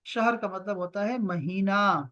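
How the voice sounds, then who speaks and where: A man teaching an online language lesson over a video call, repeating words slowly and drawing them out for his learners. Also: high voice, fairly even intonation, pushed and bright, highs cut off. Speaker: Arabic teacher.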